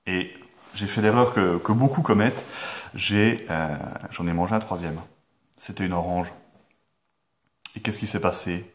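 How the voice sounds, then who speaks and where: Deadpan Belgian man, low voice. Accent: Belgian French. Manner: hesitant, full of filler sounds, with sudden mock-outraged yelps. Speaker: comedy vlogger. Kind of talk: deadpan comic monologue to camera.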